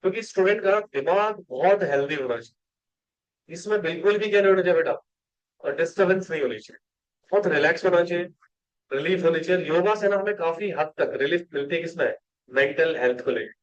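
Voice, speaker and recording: Man, classroom lecture, coaching tone, rhetorical questions, somewhat high pitch, muffled sound. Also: a little fast. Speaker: company law teacher.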